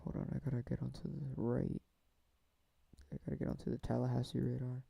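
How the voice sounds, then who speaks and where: Male live-stream commentator, casual and awed, flat-pitched with some fry, dry room. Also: no echo. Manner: drawn-out awed exclamations. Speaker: live stream host following storm chasers.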